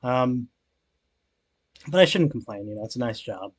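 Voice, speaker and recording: A young man talks at a mid pitch while he plays a game on stream. He rambles loosely, fills gaps with ums and likes, swears freely, and stops to read and answer his chat. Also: animated, normal speed, husky. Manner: casual, rambling, frequent swearing and fillers; reads chat aloud and answers it. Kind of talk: relaxed gameplay stream chat.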